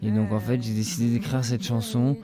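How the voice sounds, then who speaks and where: A man casually introducing his own song, speaking in a halting, hesitant way. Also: medium pitch, flat delivery, over music. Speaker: songwriter.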